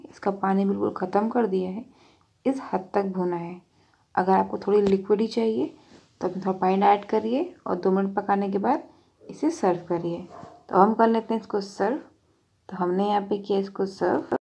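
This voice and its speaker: A woman's voice: medium pitch, normal speed, gravelly, dark tone, husky. A woman hosting a cooking channel, patiently talking through each step of a recipe in a voice-over with practical tips.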